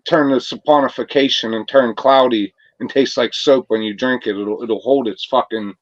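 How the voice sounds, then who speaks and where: A man in easy, enthusiastic conversation, swearing casually and speaking at a middling pitch. The sound is close and dry, with a slightly dull, lo-fi edge. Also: steady tone, normal speed, no echo. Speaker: whiskey enthusiast. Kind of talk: casual chat.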